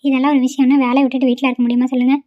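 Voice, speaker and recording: A woman's voice: high-pitched, flat delivery, racing, warm tone, dry recording, lo-fi sound, natural voice. A woman voicing a young wife in a cartoon, brushing off her husband's worry. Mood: reassuring. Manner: reassuring, dismissive of worry.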